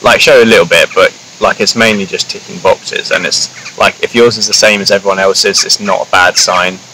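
Young male guest from New Zealand, very low voice, laid-back, outdoor noise clearly behind. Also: fairly quick. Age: young adult. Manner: relaxed, rambling, fills with "like" and "kinda". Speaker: guest, engineering student. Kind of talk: casual interview. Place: outdoors in a grassy field.

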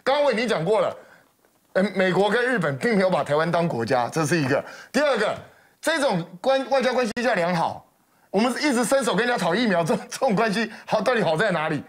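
A male political commentator with a Taiwanese Mandarin accent delivers heated talk show commentary in a TV studio, scornful and packed with sarcastic rhetorical questions. His voice is high, very animated and quick.

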